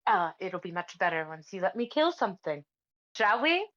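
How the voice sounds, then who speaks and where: A woman's voice: mid-range voice, sing-song, normal speed, fairly bright tone, lo-fi sound. A woman playing a smug, flirtatious evil spirit. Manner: teasing, smug, seductive.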